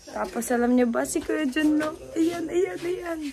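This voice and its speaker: High-voiced woman vlogging casually. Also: unhurried, a little mellow. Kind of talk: casual vlog chat. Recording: chatter of people around.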